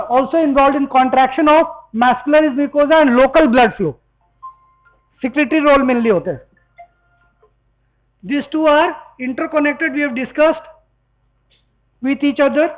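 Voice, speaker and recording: High-voiced male lecturer, tinny recording. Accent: Indian English. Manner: explains step by step, asks students rhetorical questions. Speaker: physiology lecturer. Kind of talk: classroom lecture mixing Hindi and English.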